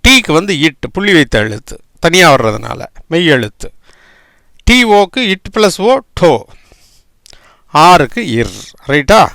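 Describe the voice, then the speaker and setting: A man's voice: on the high side, very animated, a little slow, creaky, pauses often, fairly bright tone, dry recording, studio quality. A man teaching English spelling and pronunciation, spelling words out letter by letter and often checking with "right?".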